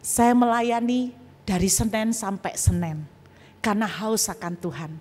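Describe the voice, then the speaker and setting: A woman's voice: medium pitch, measured pace, a little mellow. A woman pastor giving a testimony sermon in a church auditorium, telling her story animatedly with sound effects and asides to the congregation. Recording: reverberant church hall.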